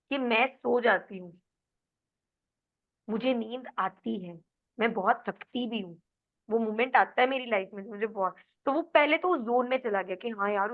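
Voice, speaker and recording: A woman life coach in a coaching session, explaining and modeling how to talk yourself into sleep. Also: a little high. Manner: coaching, repeating sleepy phrases in a soft drowsy tone. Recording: tinny phone-like sound.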